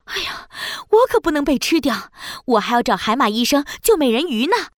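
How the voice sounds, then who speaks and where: A woman voicing a brave, frantic mermaid mother in a children's audio story, speaking high and urgent. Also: sing-song, fast talker, no echo, clean studio sound. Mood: determined.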